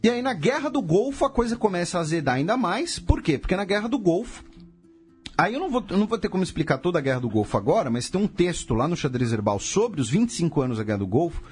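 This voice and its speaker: A Brazilian man hosts a podcast and explains history in a casual, lively way. His voice sits fairly high and swings widely in pitch. He throws in rhetorical questions and sarcastic asides over faint background music. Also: quick pace. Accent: Brazilian Portuguese.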